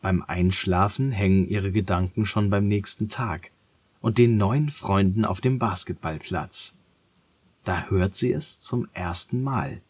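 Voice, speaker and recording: A man narrating a children's story in a calm, measured way. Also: low-pitched, slightly rough, dry recording.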